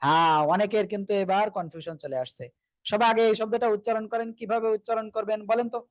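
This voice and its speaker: A man's voice: sits high, steady tone, fast talker, no echo. A man teaching Quran recitation to an online class, patient, drilling pronunciation and asking everyone to repeat together.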